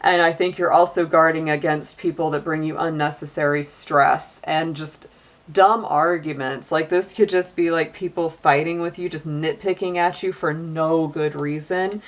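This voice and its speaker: A woman's voice: low voice, fairly even intonation, moderate pace. A middle-aged woman giving a casual tarot reading, chatty, with frequent laughs and many "you know" and "like" fillers. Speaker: tarot reader.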